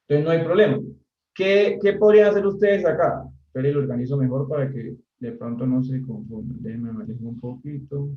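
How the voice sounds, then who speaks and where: A man's voice: medium pitch, fairly quick, far from the mic. A man teaching a civil engineering class in a casual, chatty way, always checking whether his students follow and joking with them. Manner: chatty, constantly checks understanding with "¿sí?", jokes with students. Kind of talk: casual recorded lecture. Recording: dull, roomy audio from off mic.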